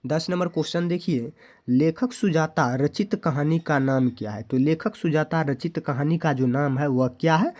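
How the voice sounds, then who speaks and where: Indian guy going over exam answers, keeps saying remember it, normal pitch. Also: a little mellow. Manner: repetitive, keeps asking students to remember. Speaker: teacher. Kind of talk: exam question walkthrough.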